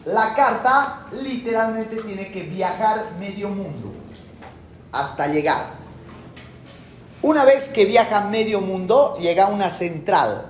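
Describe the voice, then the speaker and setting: A man's voice: high-pitched, roomy sound, slight background noise. A middle-aged man giving a classroom lecture in a colloquial, emphatic way, repeating his key phrases. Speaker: university lecturer.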